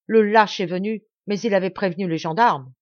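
A woman voicing a fiery, scornful young man who speaks roughly and insultingly, in a dry home recording. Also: medium pitch, animated, moderate pace, no room sound, highs cut off. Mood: enraged. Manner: rough, insulting, furious outbursts.

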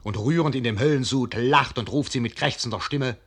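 An actor as the wry literary narrator of a radio play, telling it vividly with measured emphasis. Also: male voice, medium pitch, very noisy, lightly acted. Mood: suspenseful. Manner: measured emphasis, addresses the listener. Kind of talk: dramatic storybook narration.

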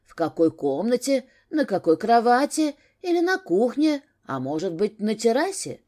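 A woman's voice: a little high, big pitch swings, moderate pace, warm tone, voice pushed up. A woman reading a story aloud, voicing a jealous young wife near tears who reproaches and pleads with her husband. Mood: hurt, pleading.

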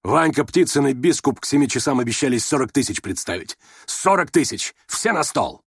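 A man voicing a reckless, drunk young merchant who shouts and boasts. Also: medium pitch, takes it slowly, creaky, breathy edge, dry recording, studio quality, heavily acted. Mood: wild, boastful. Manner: loud, boastful, excited.

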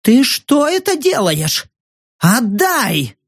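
Guy doing a high squeaky scared fat reporter, stammery, audiobook, dry mic. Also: sing-song, takes it slowly, dry recording, exaggerated voice. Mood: angry. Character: panicky fat male journalist, cowardly, squealing. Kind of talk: audiobook narration.

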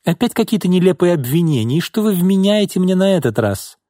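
A man voicing a haughty, scheming woman who talks in a shrill, icy, sneering way. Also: lively intonation, a little fast, warm tone, dry recording, studio quality. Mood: cold scornful.

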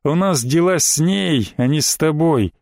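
A man doing a slow taunting street thug. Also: fairly high pitch, animated, gravelly, a little mellow, no echo, clean studio sound. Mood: menacing.

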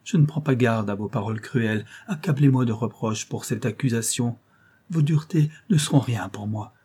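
A man's voice: medium pitch, normal speed, dark tone, husky, lightly acted. A man voicing a terrified young female servant who pleads and sobs in broken outcries, reading a classic novel aloud. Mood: remorseful. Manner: sobbing, beseeching, breathless outcries.

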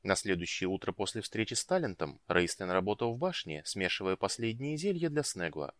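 A man reading a fantasy audiobook as narrator, in an expressive, measured manner. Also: low-pitched, no echo. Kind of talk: scripted narration.

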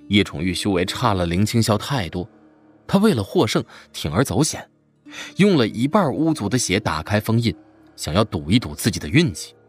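A man narrating a fantasy web novel in an expressive storytelling style. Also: on the low side. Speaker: audiobook narrator.

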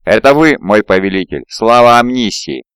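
A man's voice: on the low side, expressive, moderate pace, fairly bright tone, clean tone, no room sound, clean studio sound. A man voicing a frightened male technician who babbles in panic. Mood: panicked.

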